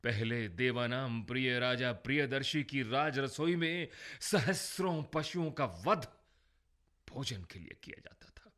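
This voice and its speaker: An actor playing a remorseful, brooding Indian emperor in a Hindi radio drama, solemn and theatrical with dramatic pauses. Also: male voice, mid-range voice, lively intonation, a bit bright. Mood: regal, measured. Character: remorseful, brooding Indian emperor, once feared for his rage.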